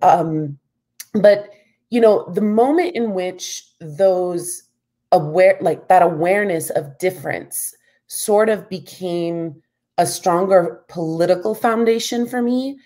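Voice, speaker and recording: A US professor in her thirties answers interview questions as a guest, thoughtful and candid, saying "you know" a lot. Her voice is mellow, fairly low and slow.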